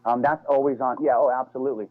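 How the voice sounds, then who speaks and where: Over a tinny, dry phone line with no echo, a former Navy SEAL guest speaks fast in a steady, mid-range voice. He's a middle-aged man from the United States, chatting casually and addressing the host as "man" and "dude."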